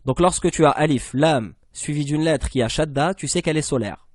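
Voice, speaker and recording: A man's voice: on the high side, a little fast, dry recording, studio quality. A man giving an online lesson on Arabic letters and reading rules, patiently repeating each rule and each word. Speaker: Arabic teacher.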